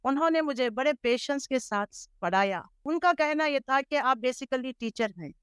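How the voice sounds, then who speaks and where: A middle-aged woman from Hyderabad, India, telling her life story as an interview guest in a measured, earnest way. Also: sits high, clean tone, no room sound, studio quality. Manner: measured, earnest storytelling with English words mixed in. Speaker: interview guest, Islamic scholar.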